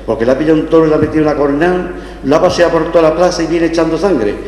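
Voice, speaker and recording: A man's voice: on the high side, very fast, a little mellow, pitched above the performer's own voice, lightly acted. Man acting a blunt Andalusian bullring impresario, echoey hall. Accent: Andalusian Spanish. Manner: blunt, colloquial comic exaggeration. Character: blunt male bullring impresario reporting bad news. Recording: echoey hall with long reverb.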